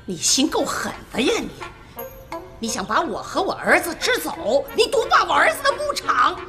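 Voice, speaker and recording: A woman's voice: huge pitch swings, moderate pace. An actress playing a furious, scolding blind old mother in a period TV drama, with music behind. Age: older. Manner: shrill, scolding, wailing. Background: drama score music.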